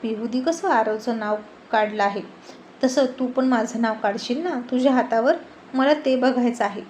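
A woman's voice: a little high, moderate pace, a little mellow, slight background noise, lightly acted. A woman voicing a teasing, protective young man who also turns possessive. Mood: teasing, caring. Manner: playful teasing, turning possessive and stern.

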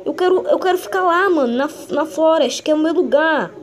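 A woman's voice: sits high, a little fast, close to an everyday voice. A woman playing a young male green dinosaur on the run in a game, talking to himself in a chatty, slangy way. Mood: hiding. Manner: chatty, slangy, talks to itself. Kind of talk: in-character game role-play.

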